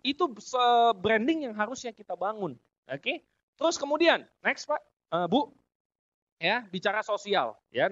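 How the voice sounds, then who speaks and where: A man's voice: high-pitched, a bit bright, no echo. A middle-aged man from Indonesia giving a motivational business talk to an audience, joking and chuckling at his own punchlines. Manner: addresses audience as "Bapak Ibu sekalian". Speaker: business seminar speaker. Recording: dry, dull lo-fi audio.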